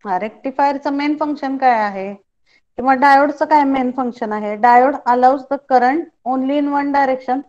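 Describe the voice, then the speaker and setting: Woman lecturer, measured and slow overall, checks the class often; muffled low-fi sound. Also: darkish tone. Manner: switches between quick Marathi and slow, spaced-out English; quizzes students with short questions. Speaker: teacher.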